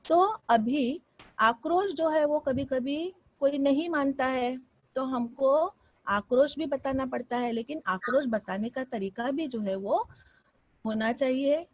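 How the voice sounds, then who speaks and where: A woman teaching a class, from Mumbai, speaking with lively rises and falls and often asking her students questions. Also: high voice, measured pace. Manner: expressive, rising and falling delivery with frequent questions to students. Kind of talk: classroom lesson.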